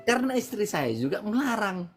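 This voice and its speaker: Brief: middle-aged man, Medan accent, lively storyteller giving testimony, faint music under him. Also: high voice, brisk. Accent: Medan Indonesian. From Medan, Indonesia. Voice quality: animated storyteller, voice jumps up when excited. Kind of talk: casual testimony interview.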